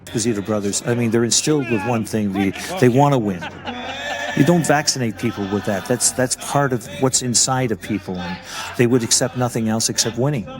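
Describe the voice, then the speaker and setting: A man at an ordinary pitch reflects in an interview, repeating a word now and then. Clear music plays behind him. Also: a little fast.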